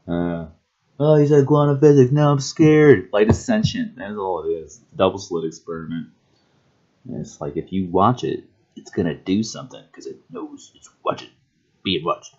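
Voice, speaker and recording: A man with a somewhat low voice rambles through a casual vlog monologue. He muses aloud and laughs between thoughts. The sound is muffled and lo-fi. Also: darkish tone, breathy edge. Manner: rambling and musing, breaks into chuckles. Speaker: vlogger. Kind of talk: casual self-introduction monologue.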